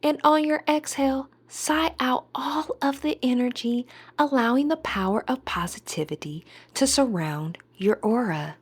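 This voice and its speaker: A woman guides a meditation, soothing and deliberate, her word endings trailing off breathy and whispery. Her voice sits high.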